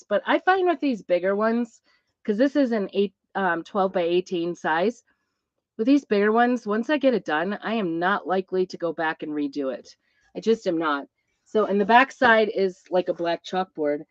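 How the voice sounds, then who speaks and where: A woman's voice: mid-range voice, animated, moderate pace, no echo. Woman with a dull, boxy sound, chatting while ill. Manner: chatty, rambling. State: ill with a cough and plugged ears. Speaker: craft channel host, music teacher. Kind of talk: casual chat to a live craft audience. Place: inside an Airstream trailer. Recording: dull, boxy tin-can sound, close and dry.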